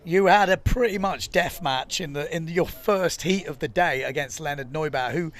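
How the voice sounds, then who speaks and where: A man giving live, chatty play-by-play commentary from a studio, with an excitable, filler-heavy delivery. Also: a little high, normal speed.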